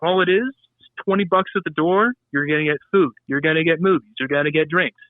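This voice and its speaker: A man's voice: a little high, fast talker, no room sound. A man as a radio guest, talking in a loose, rambling way with crude humor and many fillers. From Southern California. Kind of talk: casual radio interview. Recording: tinny phone-line sound.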